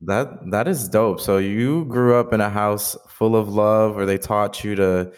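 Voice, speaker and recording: A man's voice: on the low side, measured pace, clear, resonant tone. A man hosting a podcast, asking questions in an easygoing, supportive way with casual slang. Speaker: podcast host. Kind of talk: casual interview chat.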